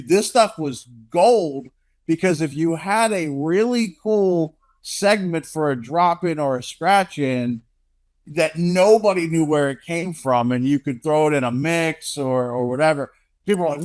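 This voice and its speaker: A middle-aged man chatting casually as a co-host, rambling and repeating words as he talks. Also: on the high side. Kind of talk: casual chat.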